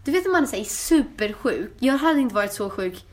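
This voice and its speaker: A woman's voice: fairly high pitch, lively intonation. A young woman co-hosts a casual podcast chat. She tells her stories with animation, dropping English phrases and the odd swear word along the way. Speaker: podcast co-host.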